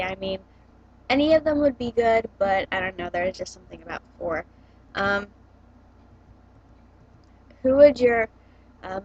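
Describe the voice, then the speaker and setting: A young woman chatting casually about books, full of ums and likes, recorded through a laptop's built-in mic at home. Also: medium pitch. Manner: hesitant, many ums and likes. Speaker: book vlogger. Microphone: built-in computer webcam mic. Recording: dull lo-fi laptop webcam audio.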